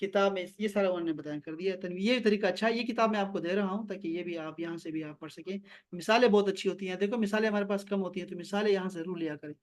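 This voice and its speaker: A man teaching Arabic letters and vowel marks in an online video-call class, explaining step by step and repeating key terms slowly. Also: sits high.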